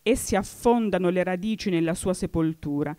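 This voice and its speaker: A woman reading a scholarly introduction aloud in a formal, measured way, slowing down for quoted lines of verse. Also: fairly low pitch, dark tone. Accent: Italian. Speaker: reader of an introduction.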